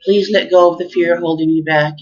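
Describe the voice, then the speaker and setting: A woman giving an earnest, heartfelt spiritual message, measured and addressing her listeners warmly as beloveds. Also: on the low side, fairly even intonation. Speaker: spiritual speaker. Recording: dull lo-fi recording with faint music.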